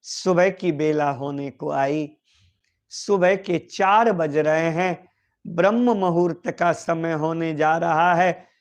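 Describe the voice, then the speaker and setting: A man tells a devotional story, lingering emotionally on repeated phrases. His voice is high and his pace very slow. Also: steady tone. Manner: emotional, drawn-out, repetitive. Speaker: preacher.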